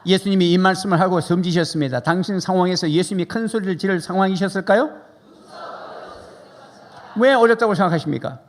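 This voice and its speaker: A man's voice: sits high, fast talker, pauses often. A man preaching as pastor, praying fervently and leading the congregation through questions and repeated phrases. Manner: fervent, repetitive, leads congregation in loud calls. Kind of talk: sermon with fervent prayer and call-and-response. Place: large church sanctuary. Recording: live church hall reverb with music.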